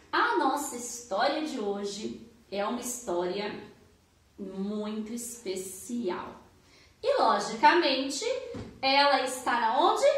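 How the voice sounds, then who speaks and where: Woman, children's church teacher, high bright voice, unhurried coaxing sing-song, very echoey room. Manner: slow, sing-song, coaxing, with many tag questions to children. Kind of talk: online children's service and Bible story.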